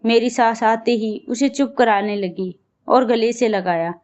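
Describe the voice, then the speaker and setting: A woman telling a first-person story as narrator, reading at a steady, even pace. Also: fairly high pitch, a little slow.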